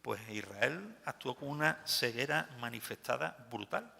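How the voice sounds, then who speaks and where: An animated male pastor with a Spain Spanish accent preaches with emphatic rhetorical questions. His voice is bright and gravelly. A long church reverb hangs on every phrase. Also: medium pitch, a little slow. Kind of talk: sermon.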